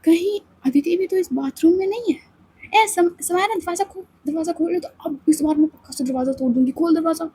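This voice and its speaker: A woman voicing an impatient young woman who loudly demands that someone open the door. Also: very high voice, fast talker, voice pushed up. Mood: threatening. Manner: loud, pushy and demanding.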